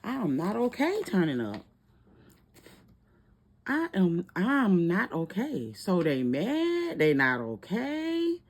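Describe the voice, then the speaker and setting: Woman tarot reader, casual and sassy, very lively pitch, laughs a lot, mid-range voice. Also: takes it slowly. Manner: animated, sassy, laughs often.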